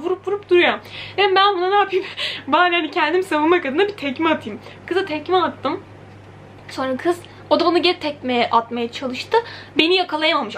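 A young woman vlogger talks straight to her camera in a bright, high register. She tells the story in a chatty, animated way and acts out the quoted lines. Faint room ambience sits under her voice. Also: slight background noise. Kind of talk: casual storytelling vlog. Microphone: camera mic.

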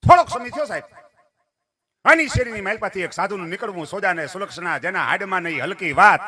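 A man's voice: sits high, animated, fast, bright, forceful tone. A man telling a devotional folk tale, talking straight to his listeners and breaking into chanted verse. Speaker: folk storyteller.

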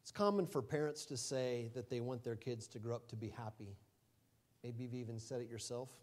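A middle-aged man preaching a sermon in a conversational way, his loudness rising and falling often. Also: medium pitch, a little fast. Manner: conversational preaching with wide swings in loudness, light chuckles.

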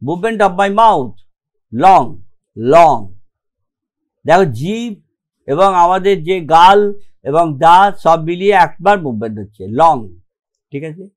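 A man with a high-pitched voice and a Bengali accent teaches grammar online. He explains patiently one step at a time, slips English terms into his speech and keeps asking "okay?" to check his students follow. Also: expressive, moderate pace.

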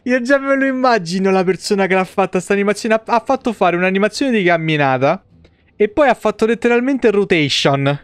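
Here a game streamer in his thirties, recorded dry, uses a high, expressive voice with a clean tone and a brisk pace. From a small home streaming setup with game music in the background, he gives casual live commentary, crude and slangy, swearing freely.

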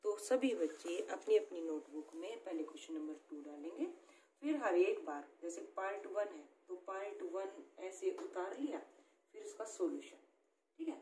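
This math lesson comes from a woman teacher with a fairly low, warm voice, animated and at normal speed. She goes step by step and regularly checks in with her pupils, in a classroom style. Faint background noise and echo fill the room.

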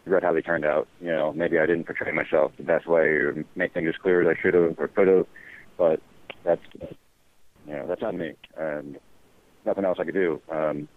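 Man on a phone line, very deep voice, halting and defensive, lots of fillers; call-in guest. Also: fairly even intonation, dry recording. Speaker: interview guest. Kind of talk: live call-in interview.

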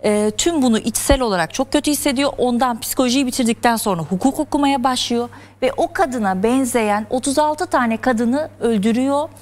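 A woman's voice: on the high side, fairly quick, few pauses, a little mellow. A woman explaining psychology terms step by step as a guest on a television talk show. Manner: earnest, lecturing, explains step by step. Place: television studio.

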